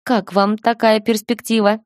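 A woman voicing a bold, cheeky young woman who makes brisk threats, in an audiobook reading. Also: a little high, little pitch movement, no room sound, clean studio sound, voice pushed up, close to an everyday voice. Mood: defiant.

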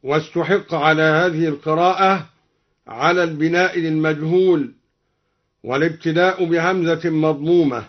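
A man teaching the readings of Quranic verses in a radio lesson, explaining each point in a measured, scholarly way and chanting the quoted verses. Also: fairly high pitch, steady tone. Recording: muffled old radio broadcast recording.

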